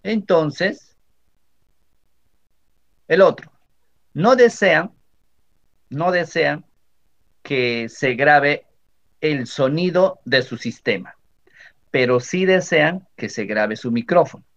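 Man, Peruvian Spanish accent, instructor, step-by-step tutorial, checks in often, fairly high voice, slightly dull lo-fi sound. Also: expressive, slow pace, long pauses, fairly bright tone. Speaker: teacher training instructor. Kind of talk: screen-recording software tutorial. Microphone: computer microphone.

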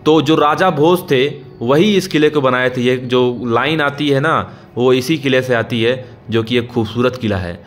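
A man's voice: mid-range voice, normal speed, few pauses, soft background music. A young man giving an informal voice-over narration for a vlog, telling the history of a fort and speaking to viewers as friends. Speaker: vlogger narrating.

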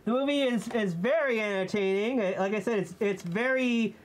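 A casual movie reviewer whose voice comes through a costume head. The talk is halting and full of fillers and self-corrections, set at an ordinary middle pitch. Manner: halting, with many fillers and restarts.

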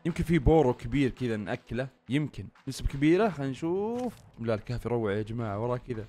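A young man giving excited, chatty gameplay commentary straight to his viewers. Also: mid-range voice, very fast. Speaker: gaming YouTuber.

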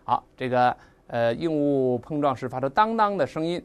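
Lively vocabulary teacher, very expressive pitch, slow drilled pronunciation, lots of sound-effect mimicry. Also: clean tone. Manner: spells out and slowly repeats English words. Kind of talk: recorded vocabulary lesson.

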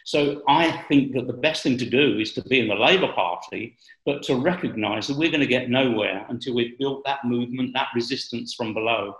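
A man, talking politics in a deliberate, halting, earnest way. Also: medium pitch, a bit bright. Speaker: political commentator. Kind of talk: political discussion. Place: bright room at home. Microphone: video call. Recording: roomy, echoey video call.

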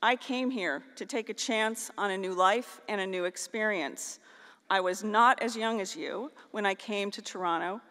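In a large auditorium filled with long hall reverb, a middle-aged US woman from northeastern Ohio gives a ceremonial graduation speech through a podium microphone on a stand. Her voice is medium in pitch and slightly bright.

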